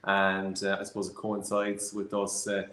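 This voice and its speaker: A man with a west of Ireland accent speaks in a fairly low voice, in a roomy, echoey space. He tells stories in a reflective, conversational way, pausing and feeling for his words. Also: monotone, a bit bright. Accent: Irish, west of Ireland. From Galway, Ireland. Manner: hesitant, reflective storytelling with many pauses. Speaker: distillery founder being interviewed. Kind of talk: conversational storytelling.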